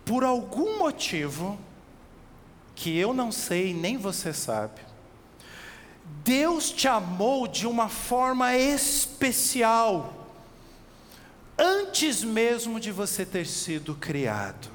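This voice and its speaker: A high-pitched Brazilian man preaches with lively energy, firing questions at his listeners and drawing out key words for weight. His voice rings through a church hall with a long echo tail, over a faint hum of background noise. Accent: Brazilian Portuguese. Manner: animated, asks the listeners direct questions, slows for emphasis. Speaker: pastor. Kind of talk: expository sermon.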